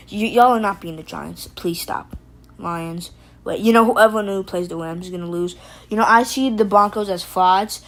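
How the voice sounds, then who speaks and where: A woman streaming casually to her chat, joking and rambling with loose restarts. Her pitch sits in a middle range, and she calls out to viewers by name. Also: rough recording. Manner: playful, jokey, talks to chat by name. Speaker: livestream host.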